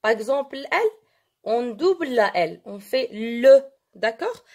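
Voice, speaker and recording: Lady teaching french, fairly high voice, goes over words slow and keeps asking "d'accord?". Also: very animated, darkish tone. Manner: switches between French and Arabic, repeats words slowly and asks "d'accord?". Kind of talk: classroom-style French grammar lesson.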